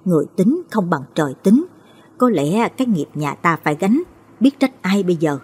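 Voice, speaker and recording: A woman's voice: lowish voice, big pitch swings, normal speed, a little mellow, breathy edge. A woman voicing a grieving old village mother-in-law, speaking in a heavy-hearted, lamenting way in a storybook reading. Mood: weary.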